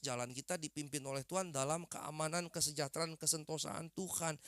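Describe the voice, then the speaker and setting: A man's voice: on the high side, fairly bright tone, no room sound, studio quality. A man preaching a sermon, emphatic, repeating key phrases and asking the congregation questions. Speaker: pastor.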